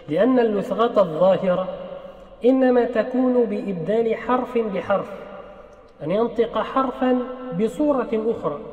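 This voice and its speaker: A man teaching a classical religious law lesson, explaining patiently, repeating key phrases and acting out mispronounced sounds. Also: high-pitched. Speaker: sheikh teaching Islamic law. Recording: roomy hall, muffled sound.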